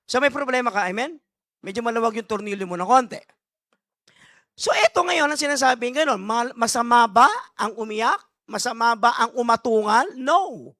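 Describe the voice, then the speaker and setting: Switching between Tagalog and English, a bishop works through a sermon in a very high voice that sounds bright and forward, captured close and dry without room sound. At a normal pace he stresses key words emphatically, keeps quizzing the crowd with rhetorical questions, asks for amens and slips in playful asides.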